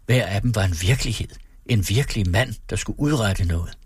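A man reading a novel aloud on the radio in a measured way, with wry personal asides. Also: mid-range voice, slightly rough, no echo, clean studio sound. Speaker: radio reader.

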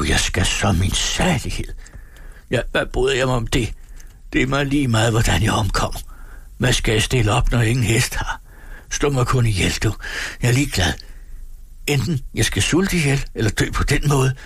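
A man's voice: gravelly, fairly bright tone, husky, dry recording, clean studio sound, exaggerated voice. A man reading aloud and voicing a desperate, ranting poor peasant man who shrieks and curses. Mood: frantic. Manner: shrill, pleading and cursing. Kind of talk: dramatic reading.

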